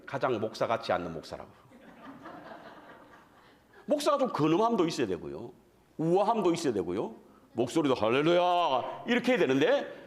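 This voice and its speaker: Animated high-voiced male preacher. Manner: animated, addresses the congregation with frequent questions; conversational, self-deprecating asides. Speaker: guest revival preacher. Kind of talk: sermon.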